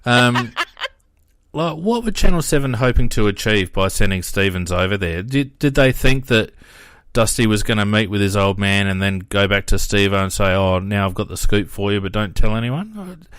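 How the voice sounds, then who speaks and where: A man hosting a podcast, blunt and exasperated, with plenty of fillers. His voice is very deep. The sound is dry. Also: animated, normal speed, a bit bright, smooth, dry recording. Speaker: podcast host. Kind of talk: casual chat.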